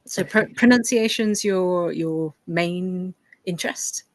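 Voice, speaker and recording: A woman's voice: lowish voice, slow pace, dry recording. A woman hosting a casual interview, asking questions in a hesitant way. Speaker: interview host, English teacher.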